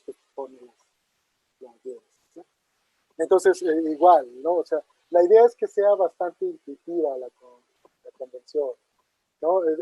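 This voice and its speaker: Man, dark husky lecturing voice. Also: on the high side, no echo. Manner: thinks aloud with many fillers and tag questions. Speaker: linguist answering audience questions. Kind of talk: casual academic talk. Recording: dull muffled online talk audio.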